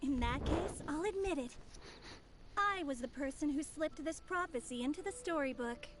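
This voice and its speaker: A woman's voice: sits high, lively intonation, normal speed, music in the background. A woman voicing a polite, self-assured, sly young mage in a video game. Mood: confident.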